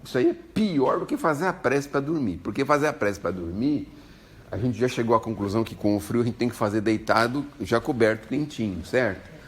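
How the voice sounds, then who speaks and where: Animated Brazilian man giving a spiritual talk. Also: medium pitch, brisk, a little hiss or hum. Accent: Brazilian Portuguese. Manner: jokey, animated, chats with listeners. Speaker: spiritual lecturer. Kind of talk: informal spiritual talk to an audience.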